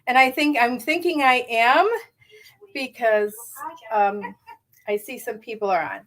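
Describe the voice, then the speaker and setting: A middle-aged woman with a slightly raspy morning voice, pitched a little high, leads a casual live card-making tutorial. She's chatty and enthusiastic, says "um" a lot, and the audio quality is poor.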